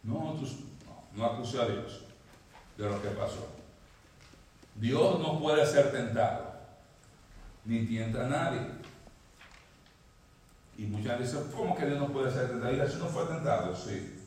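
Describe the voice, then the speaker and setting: A male pastor preaching a sermon, swinging from emphatic high peaks down to low quiet lines. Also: animated, measured pace, long pauses. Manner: preaching, rising emphatically, then dropping low. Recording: echoey hall, mic at a distance.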